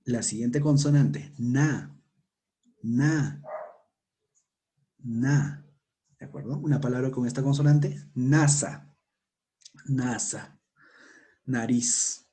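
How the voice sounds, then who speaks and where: A man teaching a language lesson, saying each sound and word slowly and repeating it for learners to copy. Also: mid-range voice, warm tone. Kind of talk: slow pronunciation lesson.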